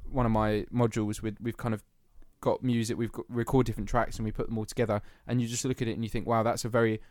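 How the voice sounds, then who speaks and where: Young man, fairly low voice, dry close sound, chatty and laughing. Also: level tone, quick pace, a little mellow, no room sound. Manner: chatty, laughs easily, many fillers. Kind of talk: casual chat.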